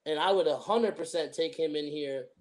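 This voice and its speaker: A man's voice: a little high, moderate pace, darkish tone. A young man hosting a sports podcast, giving opinions in emphatic, casual frat-bro slang.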